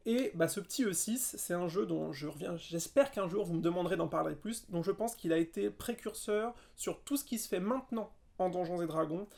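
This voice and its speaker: A man's voice: sits high, creaky, a little mellow. A man co-hosting a podcast, chatting enthusiastically and playfully about tabletop games. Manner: enthusiastic, playful, quick asides. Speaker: podcast co-host.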